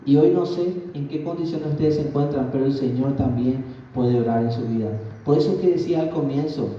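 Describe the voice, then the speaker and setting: A man's voice: mid-range voice, a little fast, mellow, a little hiss or hum. A man giving an earnest testimony to a church congregation, speaking straight to his listeners. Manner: earnest, addresses the congregation directly. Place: church hall. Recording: very echoey hall from far off, dull lo-fi.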